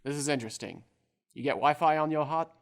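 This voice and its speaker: A man's voice: a little high, lively intonation, fast talker. A young man playing a tabletop role-playing game, describing his actions in a rambling, joking way. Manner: rambling, full of filler words and restarts, joking. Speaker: player. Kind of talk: casual tabletop role-play narration.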